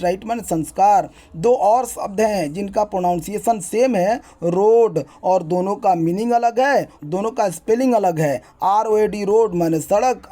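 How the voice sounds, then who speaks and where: A young man teaching an English grammar lesson, spelling out words letter by letter and explaining them in a brisk, repetitive teacherly way. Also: high-pitched, warm tone.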